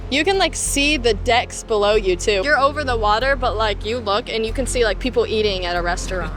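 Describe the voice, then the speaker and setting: A woman's voice: fairly high pitch, brisk, slight background noise. A young woman, the family's daughter, chatting casually with lots of "like" fillers. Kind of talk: casual chat. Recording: loud background music.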